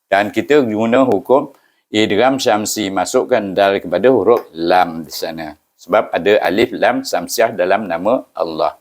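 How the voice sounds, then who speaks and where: A man with a Malaysian Malay accent, teaching Quran reading patiently, syllable by syllable, with slow chanted recitations. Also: fairly low pitch. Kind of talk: step-by-step recitation lesson.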